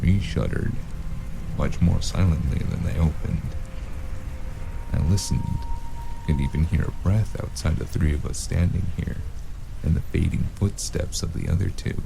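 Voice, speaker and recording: An actor playing a brooding, wry loner, narrating a noir detective audio drama in a gravelly, understated way. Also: male voice, a bass voice, unhurried, noisy background, exaggerated voice. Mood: brooding, tense. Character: gruff, wry noir loner stranger narrating his story. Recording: music behind the voice.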